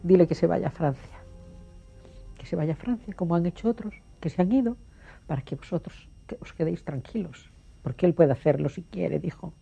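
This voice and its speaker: Older woman with a gravelly, dark voice. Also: fairly low pitch, lively intonation, brisk, lo-fi sound, faint music behind. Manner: vivid storyteller, acts out the voices in her memories. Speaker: witness in a documentary. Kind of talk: personal recollection.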